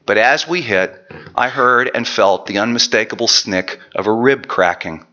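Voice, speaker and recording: Male preacher, wry storyteller, bright forceful tone; dull lo-fi church recording. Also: on the low side, moderate pace. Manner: storytelling, self-deprecating, chatty asides. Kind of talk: sermon with personal story.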